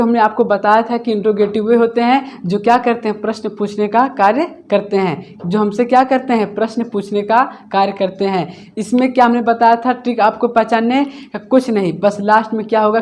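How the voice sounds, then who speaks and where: In a classroom-style grammar lesson, a man keeps posing questions to himself, answering them, and repeating the key words, slowing down to dictate example words one at a time. His voice is high, a little mellow, and fairly even in intonation, with a little hiss or hum.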